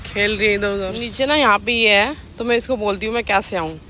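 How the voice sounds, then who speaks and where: A woman's voice: medium pitch, steady tone, a little fast, pushed and bright. A young woman chatting casually in a home vlog, talking to her small daughter between asides to the viewers. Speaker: vlogger mother. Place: outdoors in a park and streets. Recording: outdoor noise, traffic behind.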